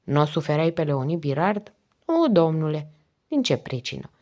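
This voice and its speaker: A woman voicing a calm, middle-aged male police inspector who asks measured, encouraging questions in an audiobook reading. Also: low-pitched. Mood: probing.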